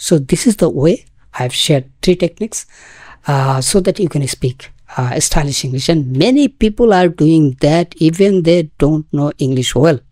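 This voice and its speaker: A woman from Bangladesh gives a spoken-English lesson, moving between Bengali and carefully drawn-out English phrases. Her voice sits a little low and mellow, the delivery unhurried. The recording is dry and close. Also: dry recording. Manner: switches between Bengali and English, slow deliberate English examples. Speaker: English teacher.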